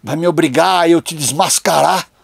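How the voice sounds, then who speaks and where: A man's voice: fairly high pitch, normal speed, creaky, breathy edge, no room sound. A man voicing his devout, stern mother who scolds and preaches at her son. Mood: stern, accusing.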